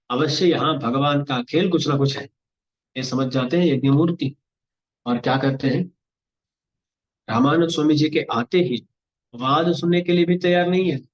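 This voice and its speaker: Male religious storyteller, fairly high voice, animated devotional discourse, dull lo-fi sound. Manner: animated, acts out dialogue of saints and God. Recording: muffled lo-fi recording.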